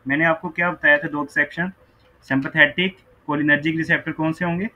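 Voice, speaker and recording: A man's voice: fairly high pitch, fairly even intonation, fast talker, highs cut off. A man giving an online physiology lecture who mixes Hindi-Urdu and English, asks students questions and keeps checking "ok, right?".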